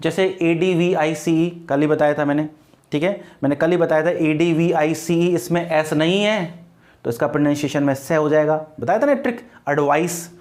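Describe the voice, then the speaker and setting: Male online grammar teacher, high-pitched, patient and reassuring, spells words aloud. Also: normal speed, darkish tone. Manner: mixes English terms into his talk.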